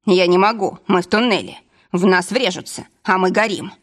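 A woman reading an audiobook, voicing a calm adult male driver who speaks in a dry, matter-of-fact way. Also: lowish voice, moderate pace, natural voice. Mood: level.

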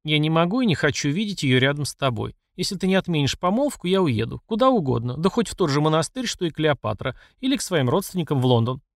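A man's voice: a little high, big pitch swings, fast talker, few pauses, no echo, clean studio sound, voice pushed up. A man voicing a cold, proud older woman, a dowager empress, with an icy, clipped way of talking.

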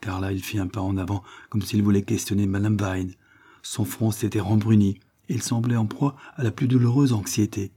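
A man narrating a classic novel in a measured, low reading voice. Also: steady tone, warm tone, breathy edge. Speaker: audiobook narrator.

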